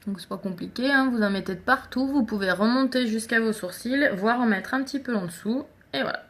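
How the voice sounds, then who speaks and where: A woman's voice: on the high side, fairly quick. A woman chatting casually through a live makeup tutorial, talking straight to her viewers. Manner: chatty, addresses viewers directly and greets commenters. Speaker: makeup seller doing a live stream.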